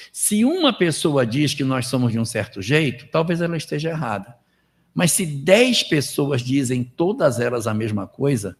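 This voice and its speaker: A man's voice: on the high side, gravelly. A man with a Brazilian Portuguese accent giving a spiritist lecture in a conversational way, checking in with tag questions and acting out people's inner thoughts.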